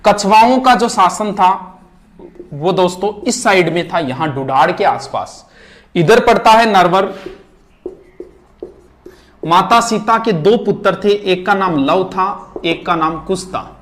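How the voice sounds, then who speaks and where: A man teaching a history revision lesson at a board, reciting names and facts in quick lists. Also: high voice, lively intonation, fairly bright tone. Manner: rapid, list-like recitation. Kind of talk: fast exam revision lecture at a board. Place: classroom with board.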